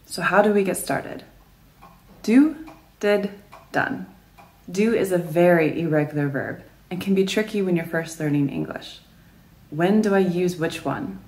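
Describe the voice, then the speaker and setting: A woman narrating a scripted English grammar lesson in a clear, even explanatory way. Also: lowish voice. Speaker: English teacher.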